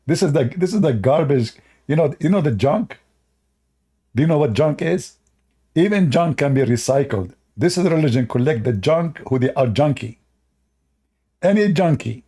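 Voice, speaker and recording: A man hosts a reaction video, mocking a clip with sarcasm and frequent laughter while speaking broken English. His voice is medium-pitched and warm.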